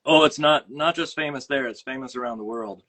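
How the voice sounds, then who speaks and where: A man with a Minnesota accent hosts a casual livestream from his home, talking into a phone on a mount. His voice is bright and forceful, and he rambles along with plenty of fillers and restarts. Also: medium pitch, a little fast. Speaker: host. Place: home studio room.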